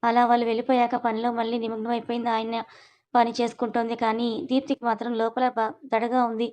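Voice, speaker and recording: A woman storyteller reads a written story aloud at a brisk clip. Her voice sits fairly high and stays level, with a steady, even flow from line to line. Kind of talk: scripted story narration.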